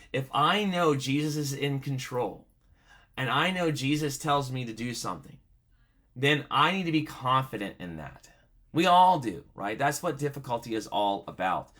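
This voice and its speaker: A man's voice: medium pitch, bright, forceful tone. A man teaching a video bible study lesson in a conversational way, telling stories with lots of fillers. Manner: conversational, many fillers, storytelling asides.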